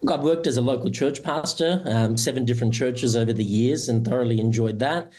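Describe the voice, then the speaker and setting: Measured middle-aged man, mellow voice. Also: medium pitch. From Romania. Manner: measured, steady answers with occasional "uh" fillers. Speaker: church administrator and pastor. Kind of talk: interview answers.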